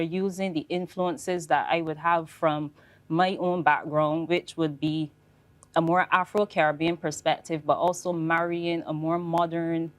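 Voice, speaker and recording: A young woman, a fashion designer speaking on a panel in a measured, reflective way. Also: sits low, dry recording. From Barbados. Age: young adult. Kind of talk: panel talk.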